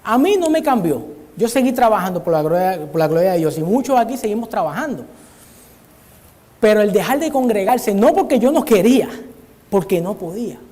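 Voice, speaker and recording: Very animated and brisk, this man preaches an earnest Bible study sermon in a high, mellow voice inside a church hall. He calls his listeners brother again and again, and the recording carries long church-hall reverb.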